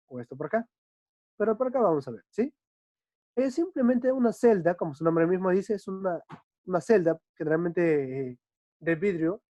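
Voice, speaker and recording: A male chemistry teacher explaining a lesson patiently, often checking understanding with quick tag questions. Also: high voice, darkish tone, no echo. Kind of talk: online class explanation. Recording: dull dry lo-fi recording.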